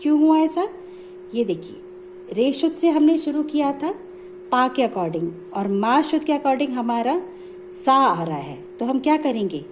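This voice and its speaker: A woman's voice: sits high, big pitch swings, measured pace, a little hiss or hum. A woman music teacher explaining notes step by step in a patient, repetitive way. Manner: patient, explanatory, repeats points.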